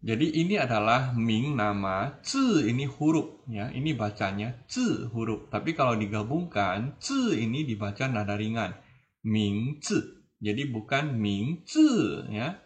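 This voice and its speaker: A male language teacher who takes his time. He speaks at an unhurried, slow pace, repeats each word patiently, and keeps his pitch in a middle, ordinary range. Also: expressive. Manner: explains slowly, repeats each word and phrase. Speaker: Mandarin teacher. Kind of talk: language lesson in Indonesian.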